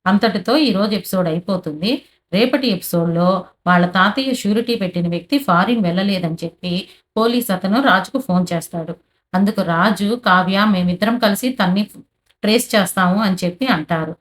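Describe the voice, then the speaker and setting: A woman hosting a channel, narrating a recap of a TV serial episode in a plain, steady storytelling way with habitual filler phrases. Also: mid-range voice, a little fast.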